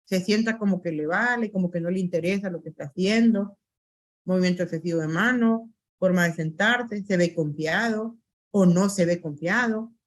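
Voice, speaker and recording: Low-voiced woman lecturing methodically. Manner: methodical, lists items one by one with frequent "eh" fillers. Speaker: university lecturer. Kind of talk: online class lecture. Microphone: computer mic on a video call.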